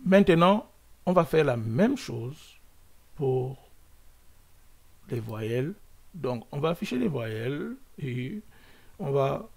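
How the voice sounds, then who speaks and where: A man hosting a coding lesson, talking slowly with many fillers and restarts, thinking aloud as he works. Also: mid-range voice, sing-song, vocal fry, darkish tone, husky. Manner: thinks aloud while working. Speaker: coding tutorial host. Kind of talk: screen-recorded coding lesson.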